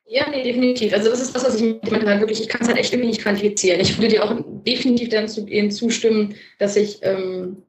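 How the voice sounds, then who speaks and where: A woman's voice: a little high, steady tone, fast, few pauses, a little hiss or hum. A woman co-hosting a podcast in casual conversation, rambling and correcting herself. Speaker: podcast co-host. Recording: roomy, distant from mic.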